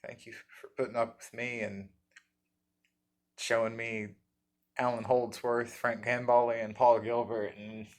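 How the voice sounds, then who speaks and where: A man with an Appalachian accent chatting casually in a folksy, halting, self-deprecating way, as the host of a guitar vlog. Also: medium pitch, little pitch movement. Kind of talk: casual rambling chat.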